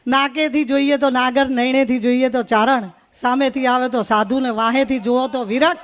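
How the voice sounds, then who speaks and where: Middle-aged woman, high voice, folksy humorous speaker at a village stage. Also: steady tone, moderate pace. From North Gujarat. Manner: folksy storytelling with rhythmic rhyming phrases. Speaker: invited speaker at a folk gathering. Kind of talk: humorous public speech.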